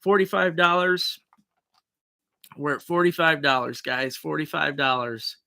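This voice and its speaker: A man's voice: fairly high pitch, fairly even intonation, a little slow, creaky, bright, forceful tone. A man hosting a casual livestream auction, repeating the current bid in a folksy auctioneer's manner.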